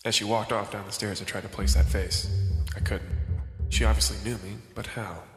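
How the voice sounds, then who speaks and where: A fairly low voice of a male actor as a jaded, sharp-eyed private detective. He delivers noir radio drama lines in a clipped deadpan, with brassy music clearly behind. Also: brisk, reverberant, big-room sound, natural voice. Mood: wry. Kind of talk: noir audio drama narration.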